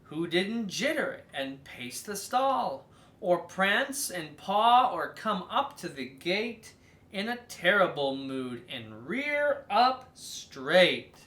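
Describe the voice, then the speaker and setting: Reading a storybook aloud to children, this expressive host takes her time and performs theatrically. Her medium-pitched voice swings widely, drawing words out and stressing the key ones. A clear echo comes from the room.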